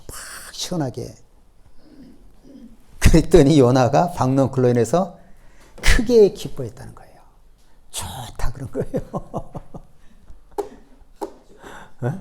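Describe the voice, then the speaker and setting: A man preaching a sermon as pastor, telling the story lively and acting out the speakers, often turning to the congregation with short questions. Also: medium pitch. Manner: acts out biblical speech in raised voice.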